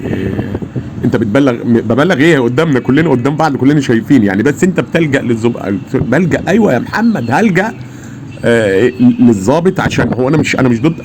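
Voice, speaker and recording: A man with an Egyptian Arabic accent, telling an eyewitness story in an animated, emphatic way. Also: medium pitch, noisy background. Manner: animated, emphatic, acts out his own shouts. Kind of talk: casual personal storytelling.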